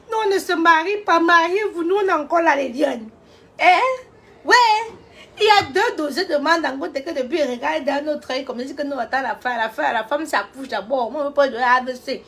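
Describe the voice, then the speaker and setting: Woman, high voice, animated livestream chat, phone mic, faint background noise. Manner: animated, calls out loudly, often laughing. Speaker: livestream host. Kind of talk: casual live chat.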